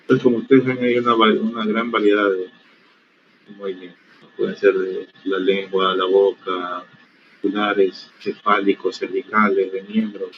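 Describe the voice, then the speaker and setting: A stern man lecturing medical students over a video call, his voice sitting on the low side. He corrects his class firmly and plainly. The call audio is dull and lo-fi, with faint noise behind him. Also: level tone, normal speed. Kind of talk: online university lecture.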